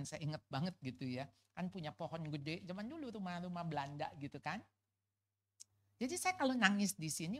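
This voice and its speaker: At a church couples' fellowship, a middle-aged woman from Jakarta gives a personal testimony in a low-pitched voice. She tells it in a lively, casual way, dropping in colloquial asides.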